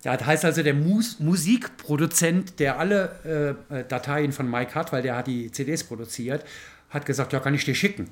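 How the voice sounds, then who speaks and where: A man hosting a podcast, telling an anecdote in a casual, animated way with many fillers and tag questions. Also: a little high, normal speed. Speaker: podcast host. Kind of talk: casual storytelling chat.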